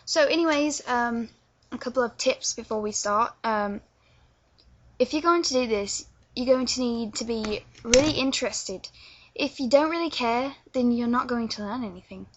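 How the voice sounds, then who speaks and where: A woman's voice: a little high, moderate pace, a little hiss or hum. Hesitant London woman, lo-fi webcam. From England. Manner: hesitant, stumbling over words with many fillers. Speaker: vlogger teaching accents. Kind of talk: casual tutorial vlog. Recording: dull lo-fi webcam sound.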